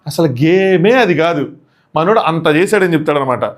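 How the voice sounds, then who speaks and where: A man giving casual commentary on a reality show, animated and quick, with a Telugu accent, mixing in English phrases. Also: on the high side.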